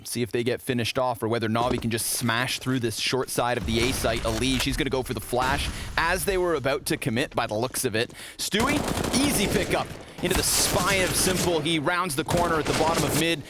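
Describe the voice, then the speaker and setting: A man commentates an esports match live, play by play, with a mid-pitched voice. His phrasing is vivid and flows along with the action. Gunshots and clicks from the game sit clearly behind him. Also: a little fast, heavy background noise. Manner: vivid, flowing descriptive phrasing. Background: video game gunshots and clicks.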